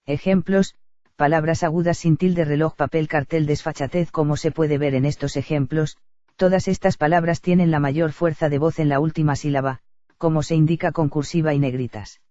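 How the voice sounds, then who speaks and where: A man reading a grammar lesson aloud in a steady, even lecture delivery. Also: a little high, moderate pace, dry recording. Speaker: teacher. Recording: dull lo-fi dry recording.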